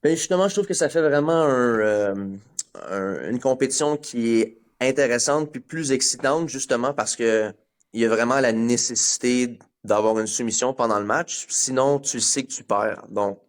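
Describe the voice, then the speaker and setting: A man with a Québécois accent, a competitor answering interview questions in a relaxed, somewhat hesitant way. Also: medium pitch, normal speed. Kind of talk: casual interview.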